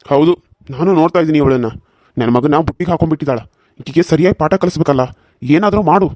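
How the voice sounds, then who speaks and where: A man voicing a stern father-in-law in a cartoon serial, gruff and dismissive toward his son's wife. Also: a little high, fast, dark tone, no echo, lightly acted.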